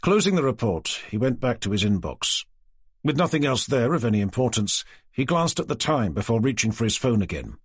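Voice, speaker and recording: A man narrating an audiobook thriller in a steady, measured storytelling manner. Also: mid-range voice, husky, dry recording, studio quality.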